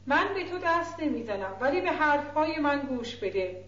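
A stern older woman guardian with a harsh edge, scolding and commanding, voiced by a woman reading aloud. The voice sits high for a woman. The recording is roomy and a little dull. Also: sing-song, fairly bright tone.

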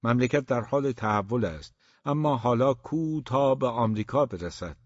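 A man narrating a story in a measured, even manner. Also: mid-range voice, no room sound. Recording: dull, dry lo-fi recording.

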